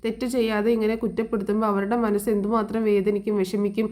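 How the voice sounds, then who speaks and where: A woman reading out the lines of a kind old grandmother who gently scolds her daughter-in-law. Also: mid-range voice, level tone, fast talker, natural voice. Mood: reproachful. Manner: gently reproachful.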